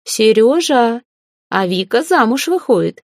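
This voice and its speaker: Woman voicing a loud excited mother. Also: lowish voice, normal speed, husky, no echo, clean studio sound. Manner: loud and exclamatory. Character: excited bossy middle-aged mother. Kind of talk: audiobook reading.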